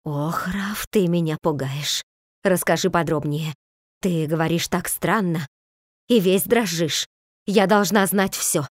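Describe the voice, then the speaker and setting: A woman's voice: on the low side, slow, no room sound, studio quality. A woman voicing an emotional, outspoken peasant wife who talks in a raised, pleading, reproachful way. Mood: agitated.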